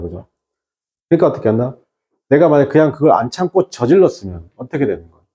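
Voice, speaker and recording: Medium-pitched and warm, this male voice belongs to a teacher, 30s or older, running an exam-prep English class. The online lecture includes an anecdote, and he peppers it with rhetorical questions and English terms.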